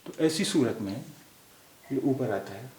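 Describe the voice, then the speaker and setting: Slow, patient male language teacher. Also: medium pitch, animated, a little mellow. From India. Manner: repeats each word slowly for pronunciation. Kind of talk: slow explanatory lesson. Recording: echoey room with faint hiss.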